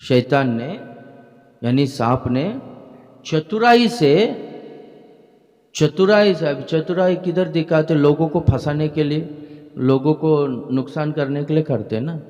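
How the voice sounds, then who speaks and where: A man's voice: on the high side, unhurried, mellow. A male pastor preaching a sermon, asking the congregation rhetorical questions and often saying "praise the Lord". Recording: dull long-reverb hall sound.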